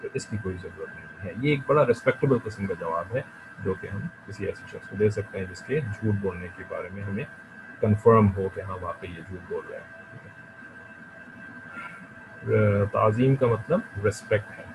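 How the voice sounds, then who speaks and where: A man teaching an online class on the translation of Quran verses. He recites the Arabic slowly and then explains each phrase in plain Hindustani, checking in with "theek hai" between points. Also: fairly low pitch, background noise.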